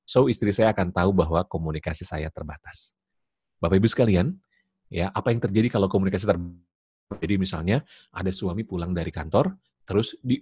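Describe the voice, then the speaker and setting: Man, motivational seminar speaker, jokey, animated pitch, somewhat husky, video call audio. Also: dry recording, studio quality. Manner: lively, jokey, addresses audience directly. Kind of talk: online seminar talk.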